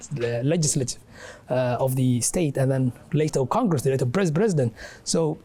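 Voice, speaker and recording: A young man from Somalia speaks as an interview guest, his voice mellow and warm. He talks haltingly, filling pauses with "um" and "uh" and restarting his phrases often. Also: on the high side. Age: young adult. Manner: halting, many fillers and restarts. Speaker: guest, adviser and academic. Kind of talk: interview answer.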